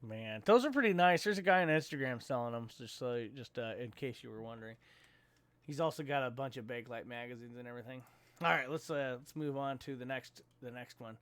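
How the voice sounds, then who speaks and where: A man's voice: medium pitch, brisk, fairly bright tone, smooth. A man hosting a casual live stream, joking about pictures and reading out chat messages. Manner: joking, amused, reads chat aloud. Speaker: show host. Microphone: desk microphone.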